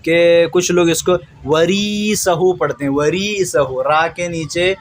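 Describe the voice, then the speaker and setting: A fairly high-voiced man leads a patient reading lesson. He stretches each word slowly in recitation, repeats it, and points out the usual errors between quicker explanations. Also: slight background noise. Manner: slow drawn-out recitation of words between brisk explanations; patient, repeats and corrects common mistakes. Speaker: Quran reading teacher.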